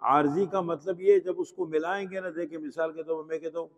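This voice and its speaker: A man with a Pakistani Urdu accent teaching the rules of Quran recitation to a class, patiently asking questions and answering them himself and drawing out example words slowly. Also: fairly high pitch, steady tone, in a large hall. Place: mosque teaching hall.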